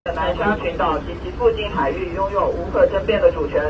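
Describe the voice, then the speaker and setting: A man's voice: high-pitched, steady tone, fast. A man as a coast guard radio operator giving a formal, scripted challenge over a marine radio transmission. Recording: distant muffled radio with loud noise.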